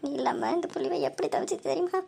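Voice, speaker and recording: Woman doing a cranky old cartoon granny, high and gravelly, swoops around, music behind. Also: huge pitch swings, fast talker, background noise, full character voice. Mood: scolding. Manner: scolding, wailing. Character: scolding old grandmother, sharp-tongued. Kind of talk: Tamil cartoon dubbing. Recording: music bed under voice.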